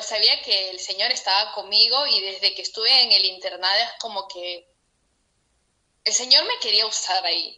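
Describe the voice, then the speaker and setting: Over a rough video-call connection, a young woman from Peru shares her own story as an interviewee, her Peruvian Spanish accent clear. Her mid-range voice has a sharp edge, and she's heartfelt, breaking into laughter here and there.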